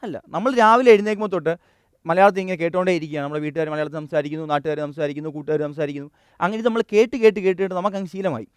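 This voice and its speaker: A young man from Kerala, an English teacher, giving an energetic, direct stage talk that urges the audience on, often restarting and correcting himself mid-sentence. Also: on the high side, racing, smooth, no echo, clean studio sound. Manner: frequent self-corrections and restarts. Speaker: English teacher and motivational speaker.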